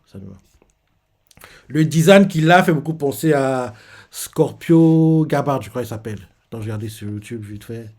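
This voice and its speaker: A man hosting a live reaction to a manga chapter, retelling it in an animated way with lots of fillers. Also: medium pitch.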